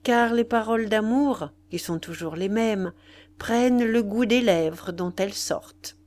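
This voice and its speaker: A woman narrating a literary audiobook with expressive, dramatic storytelling. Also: medium pitch, unhurried. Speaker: audiobook reader.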